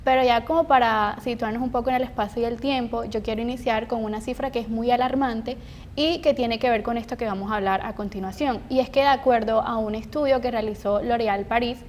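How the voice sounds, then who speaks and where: A woman's voice: steady tone, a little fast. A woman co-hosting a podcast, discussing casually in a wordy, explanatory way. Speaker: podcast co-host. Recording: noisy, low rumble behind voice. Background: rumbling background noise.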